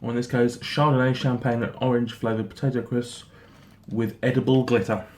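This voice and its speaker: A man giving a casual snack review in a halting, rambling way, often repeating himself. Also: medium pitch, level tone, a little mellow. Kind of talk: casual product review chat. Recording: noticeable background noise.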